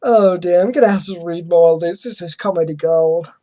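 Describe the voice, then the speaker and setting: Reading an article aloud as host, a woman delivers brisk commentary full of sarcastic, exasperated emphasis. She has a warm, lowish voice.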